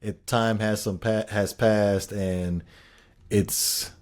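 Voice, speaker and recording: A man's voice: lowish voice, steady tone, extremely slow. A man co-hosting a casual fan podcast, laid-back and a bit hesitant, putting questions to his partner. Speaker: podcast co-host.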